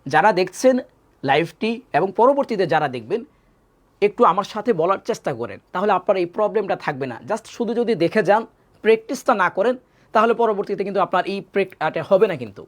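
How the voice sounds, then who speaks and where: বাংলায় হরফ শেখানো উৎসাহী পুরুষ শিক্ষক. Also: male voice, animated, quick pace. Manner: demonstrates Arabic letter sounds loudly, then explains in a lower voice; addresses viewers directly, asks them to repeat after him. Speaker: Quran teacher. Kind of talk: live online Quran pronunciation lesson.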